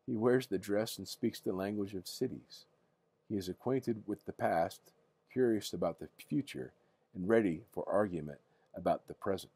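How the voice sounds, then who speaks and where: An older man with a grandpa voice reads a history book aloud in a casual bedtime manner, halting now and then and rereading words he stumbles over. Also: fairly low pitch, mellow, no echo. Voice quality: husky grandpa voice.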